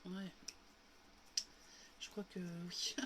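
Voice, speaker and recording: Over background noise, a woman talks extremely slowly while hosting a makeup tutorial stream from home. She's recovering from an illness and still coughs. In a chatty way she walks the "girls" watching through every step.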